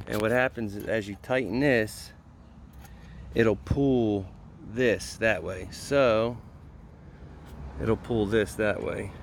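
A pressure washing hobbyist with a fairly low voice walks through a hands-on build step by step, using casual, colloquial language. He takes his time, leaving long pauses. He's outdoors on a concrete patio, filmed on a handheld phone held behind the camera, with slight background noise.

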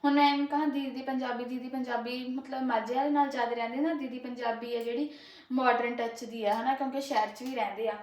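A woman's voice: on the high side, fairly even intonation, fast, darkish tone. Chatty young Punjabi woman, echoey kitchen. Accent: rural Malwa Punjabi. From Punjab, India. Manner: chatty, rambling, frequent filler tags. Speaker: cooking vlogger. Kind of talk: casual chat while cooking. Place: home kitchen.

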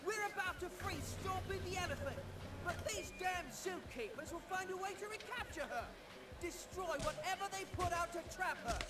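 A man's voice: extremely high pitch, moderate pace, music in the background. An actor playing a bossy male film director in a video game, giving curt commands. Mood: commanding. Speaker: video game mission giver. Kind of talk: game character dialogue.

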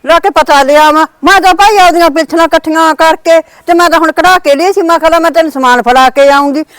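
A woman's voice: very high voice, quick pace, fairly bright tone. A woman playing a grumbling old village mother. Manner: complaining, grumbling. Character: quarrelsome old village mother, feuding with daughter-in-law. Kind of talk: family drama acting.

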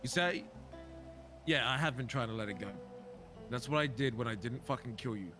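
Over music, a man with a medium-pitched voice speaks at a moderate pace. He's a role-play gamer playing a biker club member in an improvised game, arguing in an aggrieved, sweary way as he defends himself.

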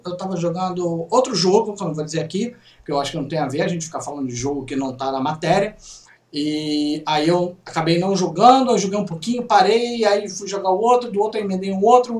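A middle-aged Brazilian man with a Brazilian Portuguese accent reads gaming news casually in a home webcam vlog, cracking jokes as he goes. It's chatty news commentary over a screen share, with lively pitch swings. He's in a small room at home, far from a corner webcam mic, so the sound is roomy.

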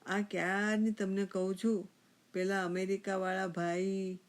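A woman's voice: mid-range voice, little pitch movement, a little slow, lightly acted. Woman narrator doing a young wife: pert, teasing retorts. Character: young wife, sharp-tongued and sulky.

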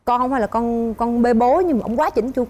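A woman in her thirties with a Southern Vietnamese accent, a guest on a TV talk show, telling a story in an animated way and acting out what others said. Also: on the high side, quick pace. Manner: animated, acts out quoted lines, laughs while telling. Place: TV studio.

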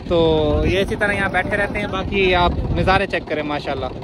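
A man's voice: high-pitched, brisk. Young man vlogging from a noisy riverboat. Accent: Punjabi. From Pakistan. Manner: chatty, showing viewers around. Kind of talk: casual travel vlog. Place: outdoors on a wooden boat on a wide river. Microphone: phone held at arm's length. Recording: loud boat engine behind.

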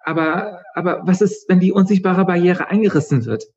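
A man's voice: animated, slow pace, darkish tone, breathy edge, highs cut off, full character voice. A man voicing a nervous sixteen-year-old girl with magic powers, anxious and hesitant in a raised voice. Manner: higher, anxious, hesitant pleading.

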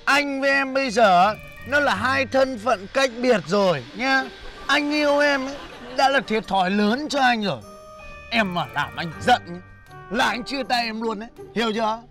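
A man playing a boastful young laborer who brags loudly. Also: very high voice, normal speed, faint music behind, full character voice. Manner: bragging, bossy, loud. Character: boastful broke male laborer, young adult.

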